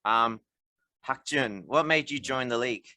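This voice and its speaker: A man's voice: medium pitch, unhurried, sharp tone, no echo. A man with an Australian accent who hosts a casual podcast and leads the talk by putting questions to his co-hosts. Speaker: podcast host.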